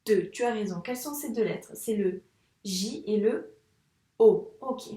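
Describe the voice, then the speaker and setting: A primary school teacher, a woman, guiding a young child through a handwriting lesson in a patient, encouraging way, saying each sound slowly as she writes. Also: mid-range voice, animated, warm tone. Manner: says sounds slowly while writing. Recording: echoey room, mic at a distance.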